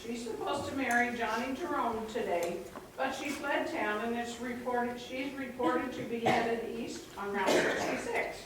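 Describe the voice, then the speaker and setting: A woman's voice: a little high, a little slow, close to an everyday voice. A woman acting a nosy, persistent photographer who fires pointed questions in a comic amateur stage play. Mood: probing. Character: nosy, persistent female celebrity photographer questioning diner staff. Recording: distant echoey hall, noisy, clicks.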